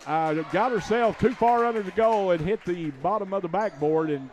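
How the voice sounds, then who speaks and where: A man giving rapid, excited play-by-play of a high school basketball game from a school gymnasium, his voice jumping up on every shot. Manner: rapid, excited calls that rise on shots. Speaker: play-by-play announcer.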